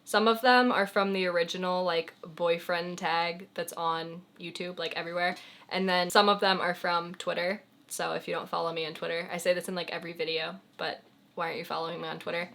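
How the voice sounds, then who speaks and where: A young woman hosting her own vlog in casual chat, talking with lots of "like" and trailing off softly. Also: fairly low pitch, little pitch movement, fairly quick, creaky. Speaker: vlogger host.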